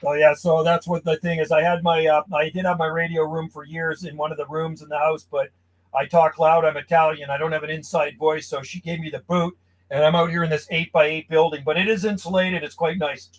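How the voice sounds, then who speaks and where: Chatty man with a higher-pitched voice. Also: little pitch movement, fairly quick, low-quality recording. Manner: chatty, casual, addressing listeners as buddy. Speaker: amateur CB radio operator and video host. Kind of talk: casual radio chat. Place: small insulated radio shack outdoors from the house.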